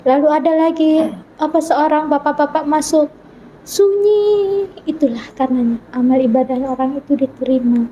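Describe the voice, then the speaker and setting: A woman's voice: high voice, moderate pace, mellow, muffled recording, a little hiss or hum. A woman from North Sulawesi telling her personal story as a guest, earnestly acting out remembered dialogue. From North Sulawesi, Indonesia. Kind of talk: personal testimony in an interview.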